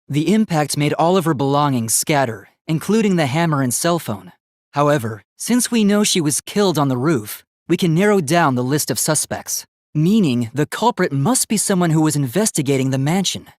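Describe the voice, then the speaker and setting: A man with a somewhat high, expressive, darkish voice performs English video game voice acting at normal speed, lightly acted and recorded dry at studio quality. He plays an earnest, logical young male robot student, speaking formally, precisely and analytically in a serious, analytical mood.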